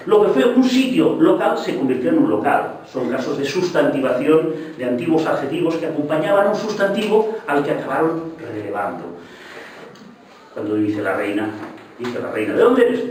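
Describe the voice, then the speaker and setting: An older man talks in a professorial, digressive way, his pitch rising and falling with lively emphasis. He is picked up from a distance in a very echoey hall, with faint noise behind him. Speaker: lecturer. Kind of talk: public talk. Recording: echoey hall, mic from far off.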